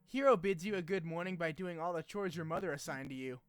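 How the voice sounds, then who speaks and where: This game video essay is narrated by a man whose smooth voice sits on the high side and moves quickly, in a dry recording. The scripted retrospective is informal, opinionated, and sweary, with casual asides and background music.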